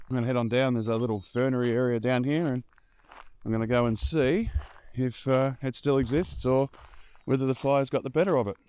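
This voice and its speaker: A man's voice: mid-range voice, a little mellow, clean tone. Just-woken man on a bush walk. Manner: laid-back, rambling. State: just woken, low morning voice. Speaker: 4WD camping vlogger. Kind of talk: casual walk-and-talk vlog. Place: outdoors in the bush, walking.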